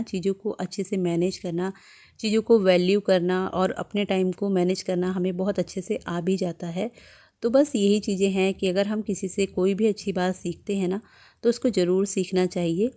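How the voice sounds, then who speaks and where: A woman narrating her home vlog as a voice-over in a gentle, chatty manner, giving homemaking advice to her viewers. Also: mid-range voice. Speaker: homemaking vlogger.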